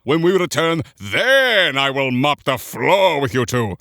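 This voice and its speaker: Toadsworth, bright pompous old steward. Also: male voice, mid-range voice, sing-song, unhurried, no room sound, studio quality. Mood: courtly. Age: older. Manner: pompous, old-fashioned formal phrasing. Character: fussy, pompous elderly male royal steward, competitive. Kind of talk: cartoon voice acting in a comic dub.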